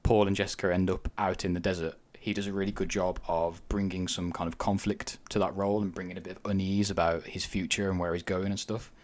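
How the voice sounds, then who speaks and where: A man's voice: low voice, little pitch movement, fast, hardly any pauses. A man co-hosting a podcast in casual chat, giving frank opinions and thinking aloud with frequent ums. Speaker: podcast co-host.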